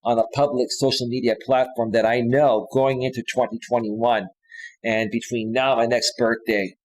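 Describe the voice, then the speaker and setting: Forty-something guy rambling on his livestream, keeps restarting sentences, average pitch. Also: level tone, moderate pace, rough recording. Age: 40s. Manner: rambling, with frequent restarts and fillers. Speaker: live stream host. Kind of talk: casual live stream talk.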